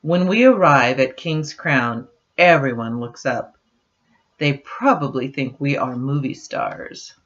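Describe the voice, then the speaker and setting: A slow, bass-voiced older woman reads her grandchildren a picture book, breaking off to chat with them expressively. She's recorded through a computer webcam, and the home sound is dull and lo-fi.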